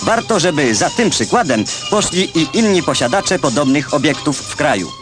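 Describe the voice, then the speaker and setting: A man's voice: on the high side, big pitch swings, moderate pace. A man narrating an old newsreel in a scripted, wry and ironic way, with music behind him. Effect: old newsreel recording.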